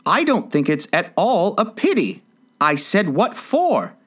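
A man's voice: sits high, sing-song, unhurried, fairly bright tone, voice pushed up, exaggerated voice. A man voicing a curious young girl who speaks plainly and decidedly. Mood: firm.

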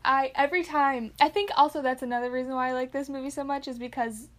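A woman's voice: high voice, steady tone, fast, fairly bright tone. A woman co-hosting a casual podcast, recapping a movie in a rambling, giggly way with lots of fillers and restarts. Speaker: podcast co-host.

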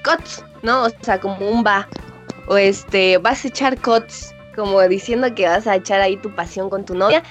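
A woman's voice: mid-range voice, steady tone, normal speed, soft background music. A woman from Comitán, Chiapas, with a mild Chiapas Mexican accent, a guest in a casual interview, chatting with fillers and frequent laughter.

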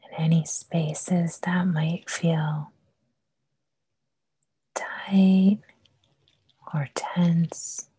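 A woman whispering a guided meditation, soft and soothing with long pauses. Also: lowish voice, fairly even intonation, husky, dry recording.

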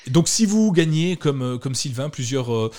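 A man's voice: mid-range voice, animated, normal speed, a little mellow. A man hosting a casual tech podcast, talking with many fillers and restarts. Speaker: podcast host.

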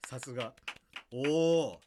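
A man's voice: medium pitch, slow, warm tone, slight background noise. A man with a Kansai accent, a comedian hosting a podcast, telling stories in a playful, jokey way and laughing often. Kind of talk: casual podcast chat.

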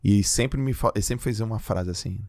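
A man from Brazil, a podcast guest, telling stories in a casual, slangy, animated way. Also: fairly low pitch, moderate pace, no room sound. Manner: slangy, animated, acts out quoted voices.

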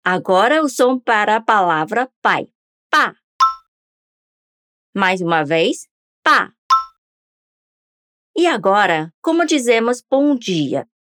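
A woman's voice: medium pitch, very animated, unhurried, few pauses, no room sound, clean studio sound. Upbeat woman leading a pronunciation drill. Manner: upbeat, coaxing listeners to repeat aloud. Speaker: language teacher. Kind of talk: podcast pronunciation lesson.

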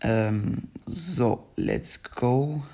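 A young gaming video creator rambles through casual commentary as he plays, his slow chatter broken by frustrated outbursts. His mid-range voice has a darkish tone and the scratchy quality of a morning voice.

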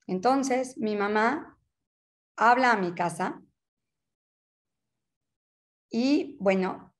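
Woman in her 40s, slightly high voice, animated testimony. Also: very slow. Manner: lively, animated storytelling. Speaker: daughter telling her story. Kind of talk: personal testimony.

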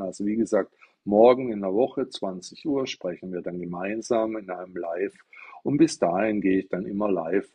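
A man's voice: sits low, mellow, husky. A man from southwest Germany giving a casual, rambling live-stream monologue into an iPad. He explains things and asks himself rhetorical questions as he goes. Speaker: livestreamer talking about Buddhism.

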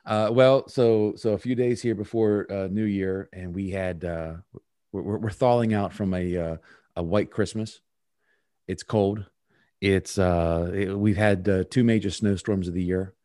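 Male interview guest, lowish voice, chatty and joking, dry sound. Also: steady tone, measured pace, dark tone, dry recording. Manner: chatty and joking, many fillers. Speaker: performance consultant. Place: Pennsylvania.

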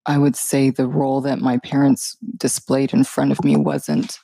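A middle-aged woman telling her personal story in a podcast, halting with many fillers and a wry edge. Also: very deep voice, sing-song, dark tone, dry recording. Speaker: guest.

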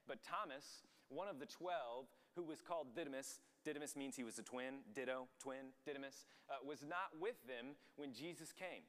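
A man's voice: mid-range voice, a bit bright. A young adult man teaching a Bible study in a casual, conversational way. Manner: conversational, acts out the quotes in voices. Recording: long hall reverb.

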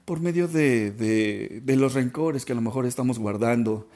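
A man hosting a podcast, telling a personal story in a halting, emotional way with many restarts and repetitions. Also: mid-range voice, a little mellow. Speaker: podcast host.

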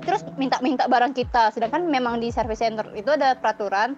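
Perempuan bersuara tinggi yang bercerita lincah. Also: female voice, a little high, quick pace. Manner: lively, laughs often, acts out quoted dialogue. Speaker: guest. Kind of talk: casual storytelling chat. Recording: dull lo-fi sound with faint music.

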